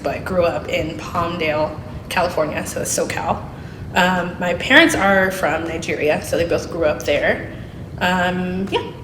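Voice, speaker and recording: A woman in her late twenties introducing herself casually, correcting herself as she goes. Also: fairly low pitch. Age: 20s. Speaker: interviewee. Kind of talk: casual interview answers. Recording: echoey hall, noisy.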